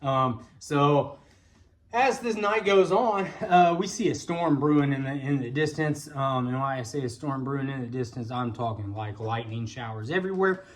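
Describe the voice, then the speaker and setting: This American vlog host, a bowfishing guide from Indiana, relates a casual personal story with a folksy, colloquial style. His voice is mid-range and he talks at normal speed.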